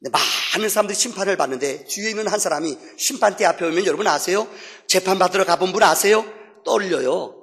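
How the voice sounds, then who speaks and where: A man pastor preaching a sermon, telling stories with bursts of shouting and soft low drops. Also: fast. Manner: animated storytelling, shouting at peaks then dropping low. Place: church sanctuary. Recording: reverberant church hall.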